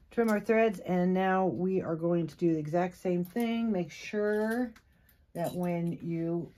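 A woman's voice: fairly low pitch, mellow, a little hiss or hum. A middle-aged woman giving a casual sewing tutorial, chatty and encouraging as she thinks aloud while she works. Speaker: sewing instructor.

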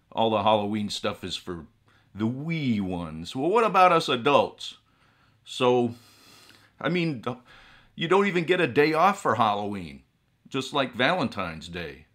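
A middle-aged man playing a ghoulish horror host, speaking in a drolly morbid, theatrical, drawn-out manner. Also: lowish voice. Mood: wry. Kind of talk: comic horror-host monologue to viewers. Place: small indoor room with collectible shelves.

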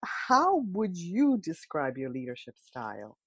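A woman hosting a leadership podcast, asking questions and affirming her guest in a warm, encouraging way. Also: low-pitched, wildly swooping pitch, a little slow. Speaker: podcast host. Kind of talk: interview hosting.

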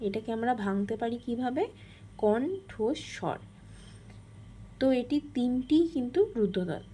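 A woman's voice: on the high side, a little fast, dark tone, a little hiss or hum. A woman teacher explaining a grammar lesson step by step, asking questions and answering them.

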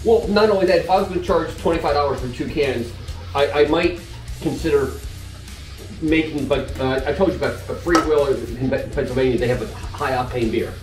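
A man in a casual roundtable beer review who calmly explains his views. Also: fairly high pitch, a little fast, echoey room, far from the mic, music in the background.

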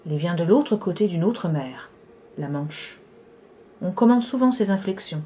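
Woman author reading her novel, low mellow voice, slow and measured. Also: lively intonation. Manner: measured, unhurried. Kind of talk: literary reading. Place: Paris.

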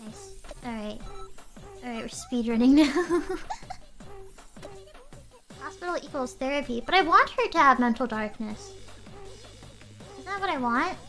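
A young woman with a high, bright, sharp voice streams a game, rambling playfully between lines she reads aloud. She talks close to the mic at home, with faint game music underneath. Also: expressive, a little slow, pauses often. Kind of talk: casual live game commentary.

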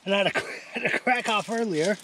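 An angling vlogger in his forties gives casual, enthusiastic, matey commentary to camera while fishing at night on a beach beside a small shelter. His voice sits high and sounds bright and forceful, moving fairly quickly. The outdoor location sound is clearly noisy.

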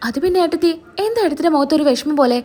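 Woman playing a fired-up young guy sticking up for family, pushy questions, voice stays high and lively. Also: rapid-fire. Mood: indignant. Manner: pressing, indignant questions. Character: protective young man, brother-in-law, hot-headed.

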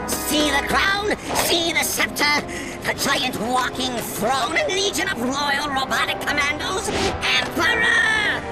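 An actor playing a pompous villainous alien emperor in a video game cutscene, with a theatrical, sneering, drawn-out delivery. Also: male voice, very high-pitched, full character voice, low-quality recording. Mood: indignant.

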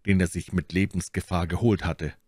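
A man narrating a classic novel as an audiobook reader in a measured storytelling manner. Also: low-pitched, fairly even intonation, a little mellow, no room sound, clean studio sound.

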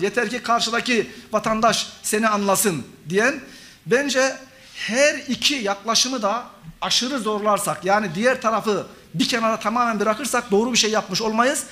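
A man's voice: sits high, bright, forceful tone. A middle-aged man, a professor, giving an academic conference talk, lecturing and listing examples for the audience. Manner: lecturing, addresses audience as friends, lists synonyms. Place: conference hall.

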